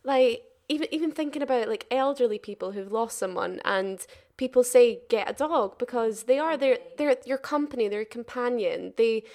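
Young woman, podcast host, fairly high voice, casual reflective chat. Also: normal speed, few pauses, a little mellow.

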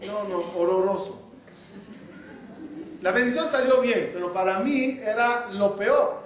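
A man, a rabbi, telling a story in a sermon, acting out the dialogue with lively energy. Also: high-pitched, measured pace. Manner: animated storytelling, acts out dialogue. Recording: echoey room from a distant mic, faint noise.

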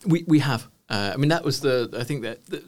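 A middle-aged man, appearing as a consultant guest, answers interview questions in an animated, emphatic manner, frequently restarting his phrases. He speaks at medium pitch and a little fast.

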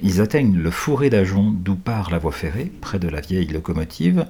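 A man reading a children's adventure book aloud at home, lively and animated, with small hesitations and self-corrections. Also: low voice, moderate pace, breathy edge.

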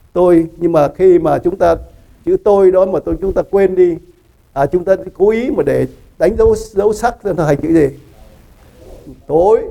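A man preaching a sermon in a church, his voice high and gravelly with a dark tone. He teaches in an animated way, quizzing his listeners and laughing at his own jokes. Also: rough recording. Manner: animated teaching, asks the congregation questions; laughs often, joking asides. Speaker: pastor.

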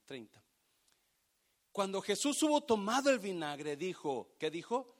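A man preaching a sermon, swinging from hushed, drawn-out phrases to loud, emphatic bursts. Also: high-pitched, sing-song. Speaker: pastor.

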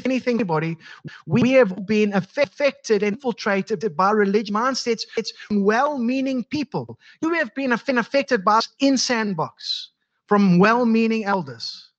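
A man from South Africa with a South African accent preaching a sermon as pastor, halting and often repeating his words. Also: sits high, fairly bright tone. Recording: dull lo-fi sound.

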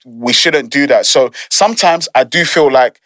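A man's voice: medium pitch, moderate pace, fairly bright tone, no room sound. A man with a London accent in a casual discussion, speaking earnestly like a pastor giving friendly advice, with British slang.

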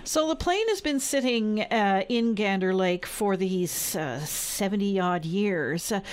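A woman's voice: medium pitch, animated, measured pace, a little hiss or hum. A woman hosting a live radio interview from a newsroom, talking in a conversational, slightly hesitant way. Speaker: radio talk show host.

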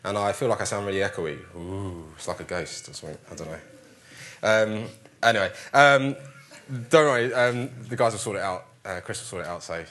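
A pastor greets his congregation in a relaxed, chatty way with many fillers, his voice echoing around a big cinema auditorium. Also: on the low side, fairly quick. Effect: echoey sound in a big hall. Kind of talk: sermon welcome to a congregation. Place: large cinema auditorium used for church.

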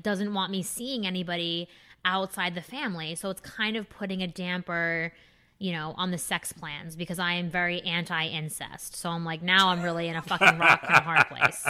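A woman's voice: lowish voice, pushed and bright, clean tone. A young woman co-hosting a podcast, chatting candidly and laughing often, with lots of fillers. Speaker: podcast co-host. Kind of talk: casual podcast chat.

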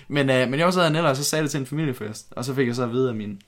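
Soft-spoken hesitant man. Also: mid-range voice. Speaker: podcast co-host. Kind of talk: casual chat.

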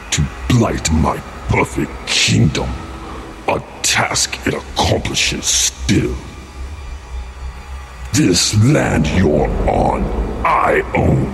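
A menacing demon lord, voiced by a man, speaks in a very low, gravelly growl, rising and falling widely as he threatens. His slow, commanding verse carries the cruelty of an audio drama villain over faint background music. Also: exaggerated voice. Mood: threatening. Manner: commanding, archaic rhyming threats.

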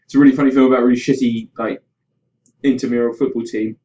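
A man's voice: medium pitch, fairly even intonation, quick pace, warm tone. Male podcast host, opinionated, sweary, casual ranting chat, dull distant webcam-mic sound. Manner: ranting, sweary, mimics others in mock quotes. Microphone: webcam about five feet away.

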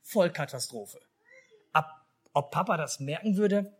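A man with a German accent telling a children's Christmas story in a church service, speaking lively and asking the children questions. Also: fairly high pitch, measured pace, breathy edge. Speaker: pastor.

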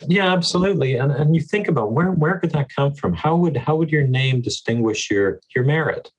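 A man's voice: a little high, lively intonation, fairly quick, slightly rough, low-quality recording. A man speaking as a guest educator in an interview, emphatic and repeating words for stress. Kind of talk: earnest conversational interview.

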